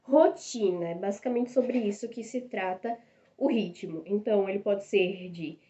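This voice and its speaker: A woman's voice: mid-range voice, normal speed, mellow, muffled recording. A young woman with a Brazilian Portuguese accent, tutoring in a casual, step-by-step way with frequent tag questions and fillers. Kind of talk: casual explanatory lesson.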